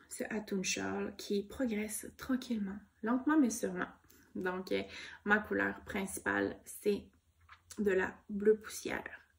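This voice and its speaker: Quebecois lady vlogging about knitting, slow and soft, lots of euh's, bit of fry in her voice. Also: medium pitch. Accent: Québécois. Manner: soft-spoken, gushing, with frequent fillers and little laughs. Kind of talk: casual show-and-tell chat.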